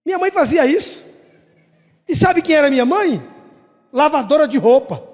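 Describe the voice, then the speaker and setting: A middle-aged man, a pastor, preaching a sermon as an animated storyteller who acts out family scenes. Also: very high-pitched, moderate pace. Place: church hall. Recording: echoey church hall.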